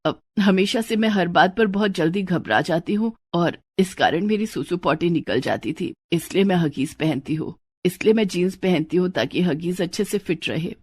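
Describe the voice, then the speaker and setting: A nervous, stammering mother-in-law in a cartoon story, as a woman narrator puts her on. Her voice sits lower than the narrator's and sounds close and dry. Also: lively intonation, normal speed, hardly any pauses, darkish tone, husky, dry recording. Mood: sheepish. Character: fretful older mother-in-law, flustered.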